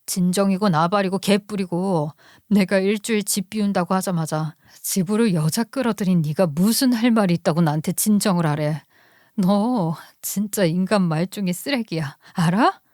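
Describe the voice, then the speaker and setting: A woman's voice: mid-range voice, moderate pace, dry recording, studio quality, lightly acted. A woman voicing a furious, betrayed wife who curses and scolds sharply. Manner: sharp, cursing, indignant.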